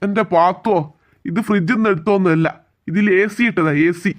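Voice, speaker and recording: A woman voicing an exasperated middle-aged husband in a cartoon, scolding quickly. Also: medium pitch, natural voice. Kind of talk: cartoon voice acting.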